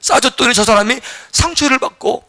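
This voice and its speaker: A male pastor delivering an animated sermon, acting out little voices and leading the congregation in call-and-response. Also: very high voice, fairly quick.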